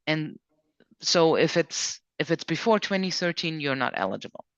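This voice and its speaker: This host has a deep, animated voice and talks at a normal speed while reading questions and explaining the rules of her casual online session step by step. The audio comes from a video conference call, dry and somewhat dull.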